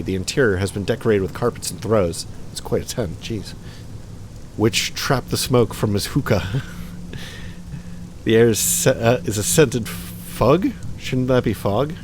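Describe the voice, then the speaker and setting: A man's voice: fairly low pitch, a little mellow, slight background noise. A man hosting a let's play, casually reading game text aloud with chatty asides and small slips.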